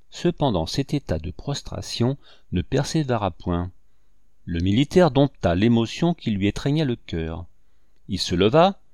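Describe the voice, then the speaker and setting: A man narrating a novel as an audiobook in a steady, even reading. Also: lowish voice, no room sound, clean studio sound.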